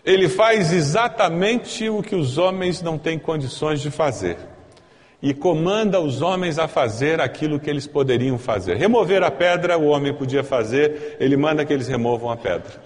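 A man's voice: fairly high pitch, long reverb tail. A Brazilian man preaching a sermon as pastor, building to emphatic peaks and asking the congregation rhetorical questions. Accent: Brazilian Portuguese.

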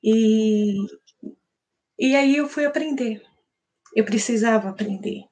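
A woman's voice: a little high, takes it slowly, mellow. A woman with a Brazilian Portuguese accent, giving an earnest, emotional personal testimony at church. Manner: earnest, emotional storytelling with quoted prayers.

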